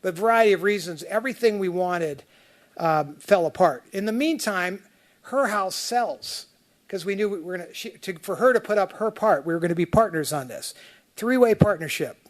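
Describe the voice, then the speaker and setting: Brief: male appellant giving testimony, somewhat high voice, chatty and rambling, keeps restarting sentences. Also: animated, moderate pace. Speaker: taxpayer appellant testifying at a tax appeal hearing. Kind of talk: spoken testimony walking through slides.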